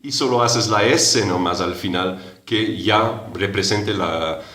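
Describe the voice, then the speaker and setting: A man in his forties teaching an English lesson, explaining slowly and patiently with many hesitations and self-corrections. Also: fairly low pitch, pushed and bright, reverberant. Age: 40s. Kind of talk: recorded language lesson.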